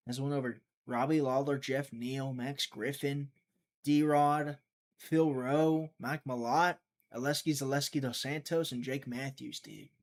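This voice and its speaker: A man hosts a live prediction stream, chatting casually, thinking out loud and addressing his viewers, now and then trailing off into a mutter. His mid-range voice has fairly even intonation and a measured pace.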